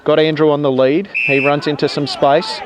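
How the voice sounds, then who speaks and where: A man giving steady play-by-play commentary at a local football match, outdoors, naming players with some hesitant fillers. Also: fairly high pitch, normal speed, background noise. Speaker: sports commentator.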